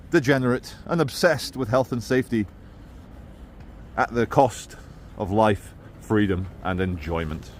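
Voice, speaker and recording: A man talking in a rambling, opinionated monologue as he records a walking vlog outdoors in a city. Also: a little high. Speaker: vlogger. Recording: outdoor city and traffic noise.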